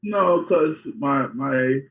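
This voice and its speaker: Speaking extremely slowly in a husky, medium-pitched voice, this Guyanese doctor in his forties answers casual interview questions about his life in a plain, matter-of-fact way. The recording sounds dull and lo-fi.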